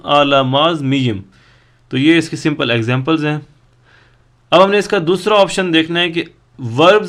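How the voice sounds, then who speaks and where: A man teaching a language lesson, patiently explaining grammar and drilling word forms slowly one at a time. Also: fairly high pitch, fairly bright tone. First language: Urdu.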